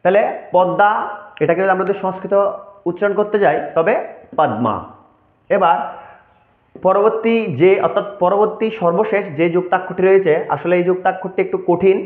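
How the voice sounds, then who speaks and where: A high-voiced man gives a formal lesson, explaining each point slowly and with care. His voice comes through a tinny, phone-like channel and bounces around a roomy, echoey space. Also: fairly even intonation. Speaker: Sanskrit pronunciation teacher. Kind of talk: online lesson.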